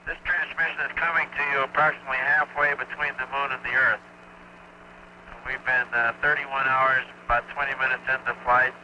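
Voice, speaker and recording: Very sharp, even-toned male astronaut radio voice. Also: medium pitch, a little fast, highs cut off. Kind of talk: television transmission report from spacecraft. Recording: band-limited spacecraft radio with faint hum.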